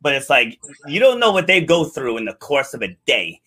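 Chatty middle-aged man with a bright voice. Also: medium pitch, sing-song, normal speed. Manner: chatty, laughs a lot. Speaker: podcast host. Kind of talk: casual interview chat.

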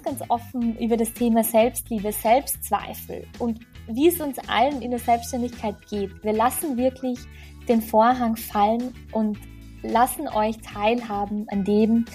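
A woman's voice: a little high, a little mellow. A woman hosting a podcast, opening the episode and interviewing a guest with eager enthusiasm. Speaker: podcast host.

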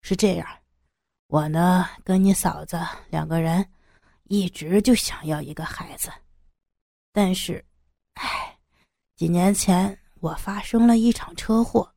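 A woman's voice: lowish voice, creaky, warm tone, no room sound, studio quality. A woman voicing a desperate middle-aged man who sighs heavily and stammers through his pleas, in an audiobook story. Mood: sighing. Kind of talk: audiobook character voice.

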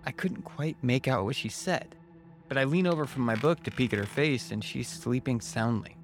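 A man's voice: mid-range voice, moderate pace. A man telling a scripted first-person horror story as its narrator. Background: music.

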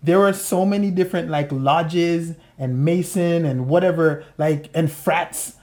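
A woman's voice: on the low side, measured pace, a little mellow. A woman co-hosting a podcast in casual chat, talking loosely with lots of fillers and frequent laughs. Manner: chatty, laughs often, many fillers. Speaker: podcast co-host.

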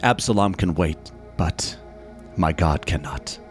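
A man's voice: deep voice, takes it slowly, faint music behind. A man voicing a gaunt, cold, smug male villain in a tabletop game, speaking in a mocking, menacing way. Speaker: villain played by the game master.

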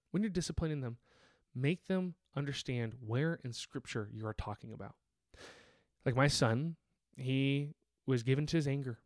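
A man's voice: medium pitch, a little mellow, no room sound. A young adult man preaching a sermon in church, earnest and plain-spoken, often restarting and repeating his phrases. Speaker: pastor. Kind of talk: sermon teaching.

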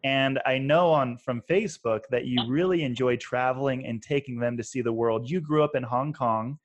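A man's voice: medium pitch, normal speed, lo-fi sound. Male host in his thirties, friendly and affirming, mid-range voice. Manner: friendly, affirming, stacks up questions. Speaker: podcast host, investor. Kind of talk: conversational interview.

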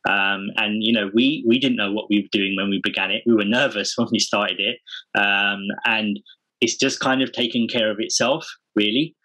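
Earnest man with a lowish voice. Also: steady tone, moderate pace, bright, forceful tone, rough recording. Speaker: podcast guest, parenting community founder. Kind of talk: casual conversational interview.

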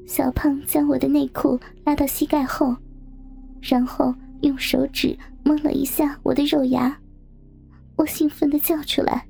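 High, gravelly woman narrating softly. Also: little pitch movement, a little slow, faint music behind. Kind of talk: first-person erotic story narration.

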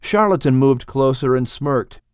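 For an audiobook, a male narrator reads a dramatic animal tale in a scripted storytelling style, slow and measured. His mid-range voice is expressive, clear, and resonant, captured dry and close with no room sound around it.

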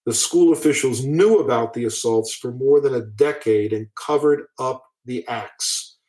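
A man with a mid-range voice reads out court cases at a slow, deliberate pace. He breaks off now and then with blunt, indignant remarks of his own before carrying on. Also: mid-range voice, darkish tone, poor audio. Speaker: commentator on school bullying cases. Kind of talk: talk.

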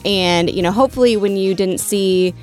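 A woman co-hosting a podcast in a casual chat, speaking informally with hesitant pauses. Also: mid-range voice, faint music behind. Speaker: podcast co-host.

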